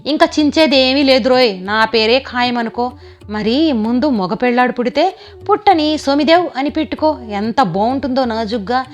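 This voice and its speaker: A woman voicing a sharp-tongued, stubborn old grandmother, scolding and teasing in a raised pitch. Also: animated, normal speed, faint music behind. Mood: bossy.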